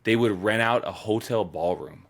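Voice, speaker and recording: A young man co-hosting a podcast, telling stories in an easygoing, animated way with casual swearing. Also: lowish voice, normal speed. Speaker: podcast co-host. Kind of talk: casual chat.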